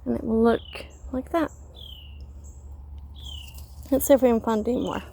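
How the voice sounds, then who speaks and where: A woman breathing heavily as she gives a casual, unhurried gardening demonstration outdoors, talking while she works. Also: on the high side, fairly even intonation, creaky, mellow, a little hiss or hum. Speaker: gardener filming a how-to vlog.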